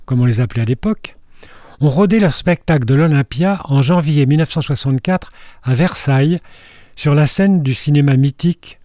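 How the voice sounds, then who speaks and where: Older man with a dark, dry voice. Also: on the high side, no room sound. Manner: wry, storytelling asides. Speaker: film columnist. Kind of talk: scripted radio film column.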